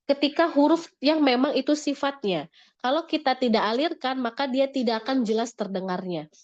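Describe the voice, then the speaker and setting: A woman's voice: a little high, lo-fi sound. A woman teaching Quran recitation in an online class, patiently modelling each sound and repeating corrections. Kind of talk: online tajwid lesson.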